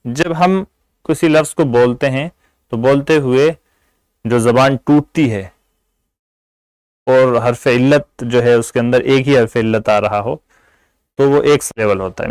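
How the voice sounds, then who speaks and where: A man giving an English grammar lesson, explaining patiently in Urdu-flavoured Hindi and repeating example words slowly. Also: mid-range voice, darkish tone, smooth, no echo, low-quality recording. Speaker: English teacher.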